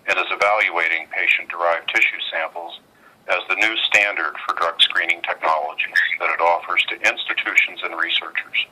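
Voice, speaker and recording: Deep, very sharp-voiced man on a call. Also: poor audio. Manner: formal, measured phrase-by-phrase reading. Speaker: business development executive presenting to investors. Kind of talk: scripted earnings call presentation, read aloud. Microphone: telephone conference call.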